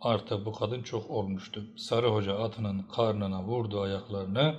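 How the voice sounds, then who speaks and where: A man reading a historical novel aloud in a steady, measured narration. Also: on the low side, muffled recording. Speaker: audiobook reader.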